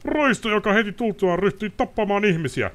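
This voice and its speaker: A man reading aloud and voicing a furious, frightened nobleman in a high, loud, ranting voice. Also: expressive. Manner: shouting, ranting, pleading. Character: furious panicking male nobleman.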